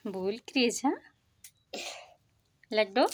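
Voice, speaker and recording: A young woman vlogging casually, coaxing her pet in loud, high baby talk between asides to her viewers. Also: lively intonation, slow pace. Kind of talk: casual vlog talking to a pet.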